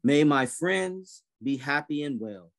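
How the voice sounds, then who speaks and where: Hosting an online prayer event over a video call, a man in his thirties talks in an easygoing way, dropping many fillers and restarting often. His voice is fairly high-pitched and animated, with a slow pace.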